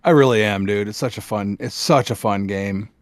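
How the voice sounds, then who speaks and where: A middle-aged man co-hosting a casual gaming podcast, animated, laughing often and restarting his sentences. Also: lowish voice, moderate pace, dry recording, studio quality. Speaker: podcast co-host.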